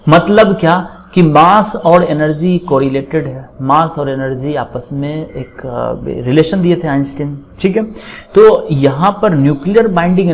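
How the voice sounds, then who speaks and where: A man giving a chemistry lecture, explaining slowly, checking in often and dictating formulas word by word. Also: fairly high pitch, darkish tone, a little hiss or hum, low-quality recording. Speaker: chemistry teacher. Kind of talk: classroom lecture.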